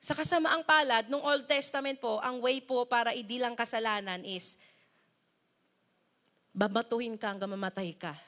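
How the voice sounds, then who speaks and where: A woman pastor delivers an animated sermon in a high, bright voice. She leans hard on key words and turns often to her listeners with direct questions. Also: normal speed. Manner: emphatic, animated preaching with dramatized quotes.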